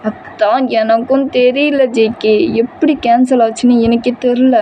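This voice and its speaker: A woman's voice: a little high, fairly even intonation, unhurried, dark tone, muffled recording, slight background noise, lightly acted. A woman voicing an anxious young man, a loyal friend, who talks in a worried, pleading way.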